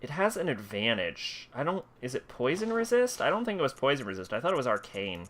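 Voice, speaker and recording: A man's voice: mid-range voice, wildly swooping pitch, fairly quick, a bit bright. A man giving casual, profane commentary while playing a video game on stream. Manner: swearing, self-mocking. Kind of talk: gameplay commentary. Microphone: headset.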